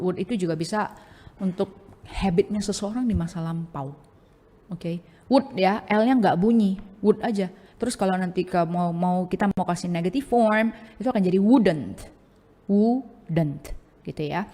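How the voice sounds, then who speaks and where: A woman's voice: on the low side, mellow. A woman with an Indonesian accent teaching English grammar in a casual, chatty way, sprinkling English into her explanations with many fillers like oke and ya. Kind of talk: casual bilingual grammar lesson. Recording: long hall-like reverb.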